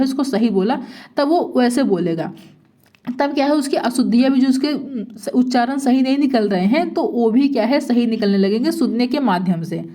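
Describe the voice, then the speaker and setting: Lady teacher, exam prep lecture, kinda high voice but mellow, keeps asking then answering herself. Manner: asks rhetorical questions and answers them, repeating points.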